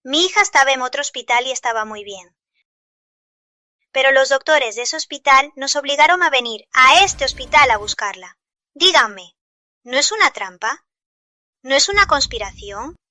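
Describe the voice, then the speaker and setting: A woman's voice: high voice, animated, moderate pace, pauses often, no echo, studio quality. A woman voicing a frantic, desperate mother. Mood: accusing. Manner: pleading then accusing loudly. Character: desperate middle-aged mother of a sick daughter. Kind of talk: Spanish dub of a drama.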